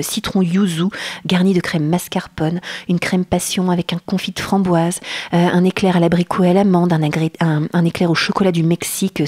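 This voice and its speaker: A woman presents a food chronicle, her voice a bit husky and breathy. She tells pastry history with lively enthusiasm, often pausing on fillers and restarting her phrases. The sound is dry and close. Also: lowish voice, no echo. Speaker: food columnist. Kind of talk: radio-style food chronicle.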